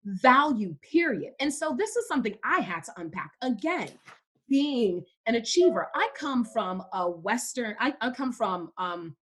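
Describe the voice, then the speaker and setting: A woman's voice: a little high, very animated, unhurried, a bit bright, slightly rough. A young woman from Cameroon, a podcast guest in casual faith-based conversation, who speaks emphatically and repeats words for stress.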